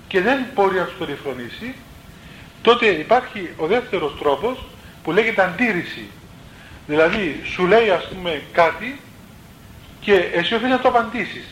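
A man's voice: high-pitched, a bit bright. A man, a priest, giving a spoken sermon in a plain teaching tone, often adding small asides and correcting himself mid-phrase. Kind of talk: spoken sermon on spiritual life. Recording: roomy echo, faint background noise.

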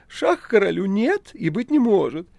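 A man voicing a boastful, scheming male demon cat in a shrill falsetto, with mock-pleading theatrics. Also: very animated, moderate pace, gravelly, darkish tone, dry recording, heavily acted. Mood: smug.

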